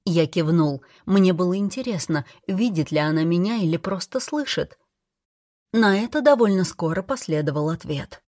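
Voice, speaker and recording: A woman narrating a fantasy audiobook in the first person, in a measured, steady storytelling manner. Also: on the low side, dry recording, studio quality.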